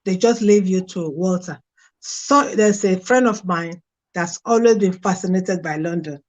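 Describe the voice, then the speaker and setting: This middle-aged Nigerian woman, whose accent is Nigerian, has a lowish voice and an unhurried delivery. She is an interview guest candidly telling the story of her life, and the recording is dull lo-fi.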